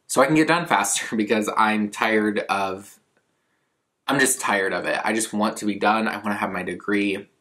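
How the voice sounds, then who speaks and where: A man in his twenties with a fairly low but bright, forward voice. He talks to camera in a casual, rambling way, candid and a little self-deprecating, like a vlogger answering questions from viewers. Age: 20s. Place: living room at a coffee table, indoors.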